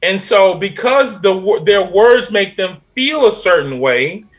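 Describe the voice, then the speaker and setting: A man co-hosting a panel discussion, telling a story in a measured way. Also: sits high, lively intonation, fairly bright tone. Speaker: podcast co-host.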